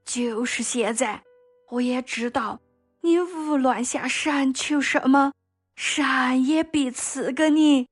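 An urgent, pleading Martha in a storybook tale, as a woman narrator puts her on. The voice sits high and grieving, with a slow, deliberate pace and soft music faintly behind. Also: husky, exaggerated voice.

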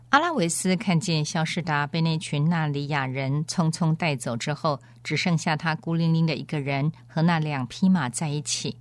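A woman radio host reads a novel aloud with expressive storytelling. Her pitch sits somewhat low but moves a lot, and the recording is close and dry. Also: no echo. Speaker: radio program host and reader. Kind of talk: scripted narration of a novel.

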